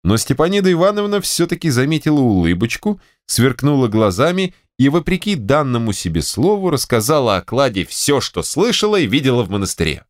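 A man narrating a story as an audiobook, with expressive storytelling. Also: medium pitch, fairly quick, few pauses, dry recording, clean studio sound.

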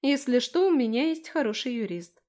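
Woman reading a drunk, giggly young girlfriend, higher and brighter than the narrator, teasing. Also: sing-song, normal speed.

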